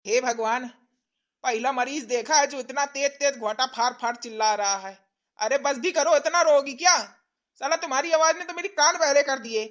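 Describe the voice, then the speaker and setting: A woman's voice: high voice, normal speed, fairly bright tone. A woman voicing a brusque, rude male village doctor who scolds impatiently in a cartoon comedy. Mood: scolding.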